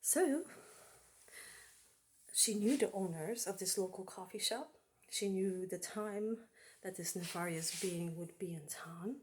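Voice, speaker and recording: A woman telling a spooky Halloween story to her viewers, often dropping into a hushed, dramatic whisper. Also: lowish voice, fairly even intonation, unhurried, slight background noise. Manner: speaks warmly to the viewers as friends.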